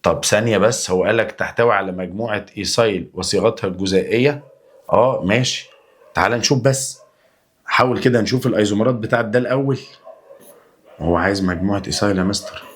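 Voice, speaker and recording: A man's voice: lowish voice, fast talker. A young man with an Egyptian accent, teaching a chemistry exam review in a chatty, coaxing way, answering his own questions as if he were the student. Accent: Egyptian Arabic. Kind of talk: energetic exam-review lesson.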